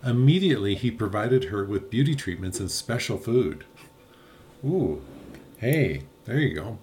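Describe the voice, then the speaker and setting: A man's voice: on the low side, sing-song, a little slow, darkish tone, a little hiss or hum. A man casually reading Bible verses aloud and chatting, laughing often and tripping over hard names. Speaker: podcast co-host reading scripture.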